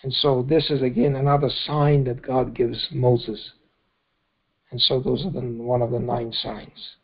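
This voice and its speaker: A man's voice: mid-range voice, flat delivery, a little slow, muffled recording. A man leading a scripture study, explaining verses in a conversational way and often checking in with "okay?". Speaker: Quran study teacher.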